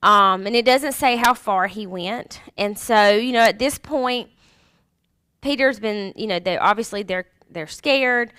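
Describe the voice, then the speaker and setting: A woman's voice: medium pitch, a little slow, sharp tone, clear, resonant tone, no room sound. A woman teaching a Sunday school Bible lesson in a chatty way, with many fillers and restarts.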